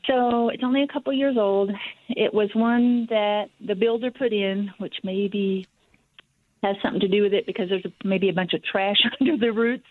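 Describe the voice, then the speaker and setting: A woman's voice: medium pitch, fairly even intonation, normal speed, dry recording. A woman calling in to a radio show on her speakerphone, chatting and laughing a little as she describes her problem. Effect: phone-line caller on a radio show. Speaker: caller. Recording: tinny phone line.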